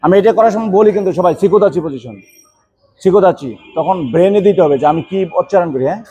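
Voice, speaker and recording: High-voiced karate instructor calling stances. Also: male voice, fairly quick, slightly rough, dull audio. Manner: loud drill calls, quizzing students, firm coaching. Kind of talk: teaching a class, calling out stance names. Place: karate training hall.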